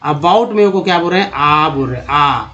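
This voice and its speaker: Male phonics tutor, slightly high voice, patient drawn-out sounding-out of words, chatty toward viewers. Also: expressive, bright, forceful tone, muffled recording. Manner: repeats vowel sounds and addresses viewers as friends. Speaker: English teacher. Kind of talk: Hindi-language phonics lesson.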